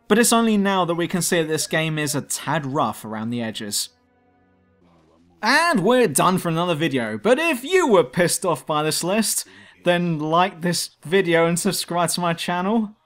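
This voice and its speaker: A man's voice: sits high, a bit bright. A man narrating a scripted video game review as host, blunt and sardonic.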